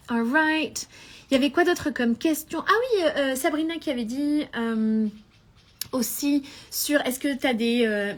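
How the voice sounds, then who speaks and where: Woman, business coach, live stream, high-pitched, animated, mixes in English phrases.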